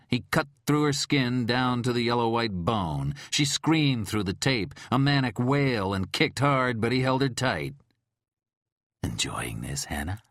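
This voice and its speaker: Man, audiobook narrator, lowish voice, dry close sound, dramatic and measured. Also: fairly bright tone, dry recording.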